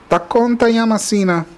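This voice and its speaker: A chatty male host with a notably high voice runs through the day's news and events in a relaxed, casual way. He keeps the delivery lively and throws in quick exclamations between items. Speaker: show host.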